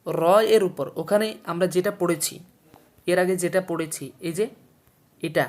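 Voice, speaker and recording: A man's voice: high-pitched, fairly even intonation, darkish tone. Patient male teacher repeating each word. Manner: explains slowly, repeats words and meanings, quizzes the listener. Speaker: Urdu teacher. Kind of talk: textbook lesson for a video series.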